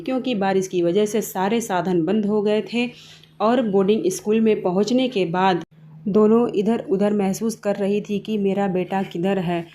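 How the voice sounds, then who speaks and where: A woman's voice: mid-range voice, mellow, a little hiss or hum. A woman narrating a family moral story in a plain, simple storytelling way.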